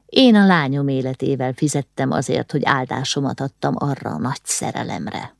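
A woman's voice: rumbling low, gravelly, no echo, clean studio sound. Woman reading as a weary grieving older nobleman. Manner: quiet, somber.

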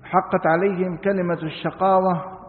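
A man's voice: sits high, little pitch movement. Man, religious lesson, rhetorical questions, chanted verses, long reverb, lo-fi phone sound. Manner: explains slowly, asks the class rhetorical questions. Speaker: Quran commentary teacher. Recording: echoey hall on a tinny, phone-like line.

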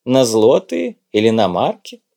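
A man reading an audiobook, voicing a weary, sardonic elderly maître d' who speaks slowly. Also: medium pitch, big pitch swings, vocal fry, dark tone. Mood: wry. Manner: slow, drawn-out, sardonic. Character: elderly male casino maître d', wry and weary.

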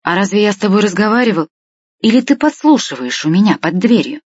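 A woman voicing a fussy elderly grandmother who nags and scolds with shrill questions. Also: expressive, fast talker, breathy edge, no echo. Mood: scolding. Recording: dull, dry lo-fi recording.

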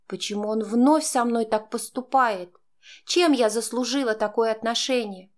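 A woman narrating a first-person audiobook in an expressive, emotional storytelling manner. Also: fairly high pitch, moderate pace.

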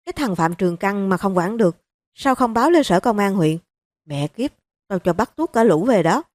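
Woman doing a blunt police chief, hot-tempered, forceful, mellow tone, dry close sound. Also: medium pitch, expressive, moderate pace, no echo, natural voice. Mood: angry.

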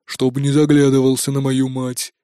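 A man voicing a huge, gruff male khan and colonel who growls and mocks, in an audiobook. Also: medium pitch, completely flat delivery, moderate pace, warm tone, dry recording, studio quality, voice pushed down, close to an everyday voice. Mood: mocking.

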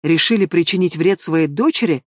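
A man's voice: fairly high pitch, moderate pace, no echo, clean studio sound, close to an everyday voice. A man voicing a growling dragoness ruler. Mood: commanding. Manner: growling, commanding. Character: imperious red dragoness ruler, fierce. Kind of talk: audiobook character voice.

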